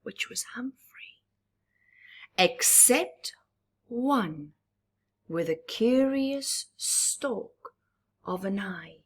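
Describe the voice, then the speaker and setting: At story time, a woman reads a rhyming picture book aloud slowly, breaking off for chatty asides with young listeners and dropping into breathy whispers. Her voice is medium-pitched and animated.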